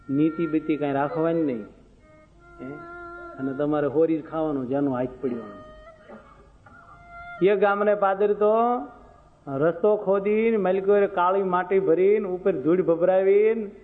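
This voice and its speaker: A man, giving a moral sermon full of folk anecdotes and rhetorical questions to his listeners. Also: fairly high pitch. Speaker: preacher. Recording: phone-like sound, long hall reverb.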